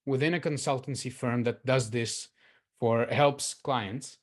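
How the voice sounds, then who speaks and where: A workshop participant from Israel speaks in an online group discussion via video call, his mid-range voice measured in pace with fairly even intonation. He shares personally in an earnest, reflective way and grows emphatic when driving home his main points.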